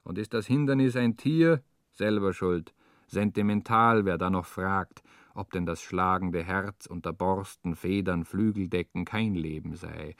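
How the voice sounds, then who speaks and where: Male narrator, slow and deliberate, sardonic rant, very dry close sound. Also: low voice, no echo. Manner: sardonic ranting with puffing breath sounds. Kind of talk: dramatic literary monologue.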